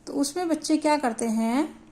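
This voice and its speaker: During a Hindi grammar lesson, a woman with a high-pitched, warm voice explains things slowly and deliberately, spelling out syllables for her students.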